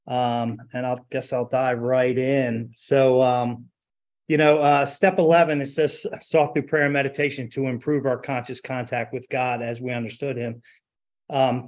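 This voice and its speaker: A man's voice: medium pitch, a little mellow. A man speaking informally to a group as a panel speaker, sharing personal testimony in a hesitant, conversational way. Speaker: panel speaker at a recovery meeting.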